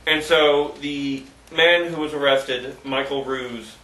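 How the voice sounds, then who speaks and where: A man's voice: mid-range voice, fairly even intonation, slow, fairly bright tone, distant mic. A male co-host on a comedy talk show, telling news stories and putting on mock indignation. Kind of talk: casual comedic banter. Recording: echoey room, off mic.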